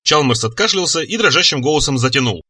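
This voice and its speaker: A man narrating an audiobook with expressive storytelling. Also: fairly high pitch, quick pace, slightly rough, no echo. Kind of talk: scripted narration.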